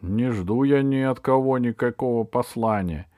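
A male reader voicing an ancient five-headed dragon in an audiobook, speaking in an unhurried, grumbling way. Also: medium pitch, warm tone, dry recording, clean studio sound, lightly acted. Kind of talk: audiobook reading.

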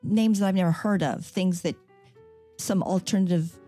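A woman's voice: lowish voice, moderate pace, warm tone, faint music behind. An American woman chatting in a casual group discussion in a tentative, hedging way.

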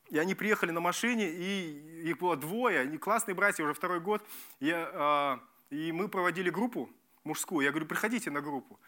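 A man preaching a sermon as pastor, emphatic and lively, repeating key phrases and restarting words. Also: a little high. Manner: lively, emphatic preaching with repetitions and self-corrections.

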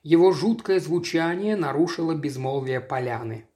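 A reader giving steady, even scripted narration of an audiobook. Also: medium pitch, moderate pace.

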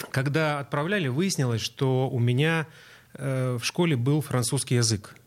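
A man's voice: mid-range voice, a little slow. A middle-aged man from Donetsk answers interview questions hesitantly, with many filler sounds and restarts as he tells a story. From Donetsk, Ukraine. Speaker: interviewed city deputy.

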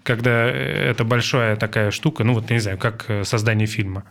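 A man in his forties hosting a casual chat, telling stories and thinking aloud with many pauses. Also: fairly low pitch, fairly even intonation, gravelly, fairly bright tone. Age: 40s. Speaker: podcast host.

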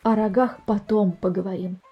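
A woman's voice: mid-range voice, steady tone, moderate pace, breathy edge, dull audio. A woman voicing an easygoing, evasive dragon in a storybook reading.

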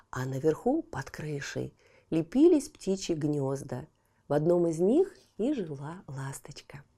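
A woman narrates a children's fairy tale audiobook expressively, sometimes dropping into a hush. Her voice sits low.

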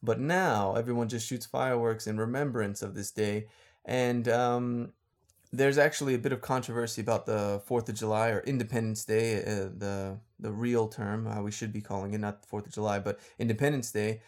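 Low-voiced man hosting a casual podcast. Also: fairly even intonation, moderate pace. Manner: laughs often, explains things for learners. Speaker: podcast host and teacher.

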